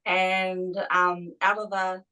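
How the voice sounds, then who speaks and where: A woman's voice: fairly low pitch, level tone, slow pace, sharp tone, clear, resonant tone. A woman with a Māori New Zealand accent casually explaining family lineage in a bilingual way.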